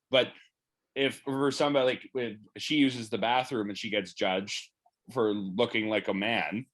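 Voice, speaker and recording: A man's voice: medium pitch, a bit bright. A man in his late twenties, a podcast guest, talking bluntly and swearing freely in a casual chat. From Canada. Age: 20s.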